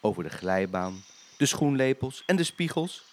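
An older man, a grandfather, reading a children's story aloud in an expressive, sing-song way. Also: mid-range voice, normal speed, slight background noise.

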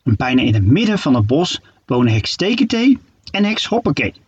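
A man reads a children's tale as a storyteller, his narration playful, expressive and full of a lively lilt. His voice is husky and somewhat high, sounding dull and muffled, and he moves at a brisk pace.

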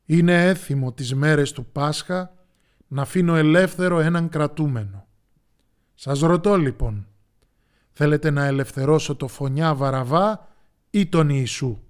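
Booming Roman governor for a Bible storybook, played by the male narrator. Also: smooth, natural voice. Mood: proclaiming. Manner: loud, proclaiming. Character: stern Roman governor addressing a crowd.

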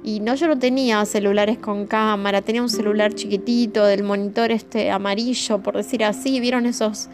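A woman's voice: mid-range voice, steady tone, moderate pace, few pauses. A woman podcast host with a Rioplatense Spanish accent, speaking in a heartfelt, emotional way and addressing her listeners directly. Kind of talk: reflective podcast monologue. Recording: music playing behind the voice.

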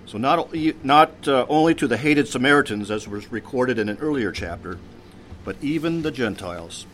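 A priest giving a measured sermon, his voice dropping at the end of phrases. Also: mid-range voice, animated, fairly bright tone, slight background noise. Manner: measured preaching with pauses, voice drops at phrase ends.

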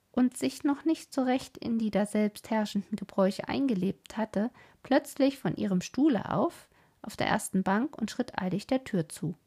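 Eager storytelling uncle, read by a woman, husky and gravelly. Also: medium pitch. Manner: excited, reminiscing.

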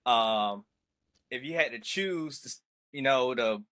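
A man hosts a casual comics podcast and asks loose, rambling questions. His voice is bright and forceful, recorded close with a completely dry sound. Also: mid-range voice, lively intonation, moderate pace, no room sound. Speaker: podcast host. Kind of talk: casual interview.

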